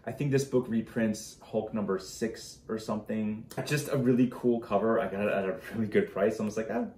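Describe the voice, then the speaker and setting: A middle-aged man speaks in a calm, laid-back way with a somewhat low voice. A roomy echo hangs on the sound, recorded at a table in a shelf-lined room. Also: a little fast, a little hiss or hum. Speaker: co-host of a comic collecting show. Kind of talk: casual chat showing off comic finds. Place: indoor room lined with comic shelves, seated at a table.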